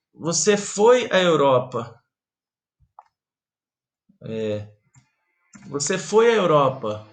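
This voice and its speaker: Brazilian guy explaining grammar, keeps repeating himself, kinda high gravelly voice. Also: a bit bright, reverberant. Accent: Brazilian Portuguese. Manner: repetitive, emphatic, checks in with "né?" and "ó". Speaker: English teacher.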